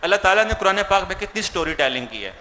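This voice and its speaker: Bright-voiced Pakistani man lecturing teachers. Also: high-pitched, sing-song, big-room sound, a little hiss or hum. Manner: mixes Urdu with English words, asks the audience questions. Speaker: English teacher.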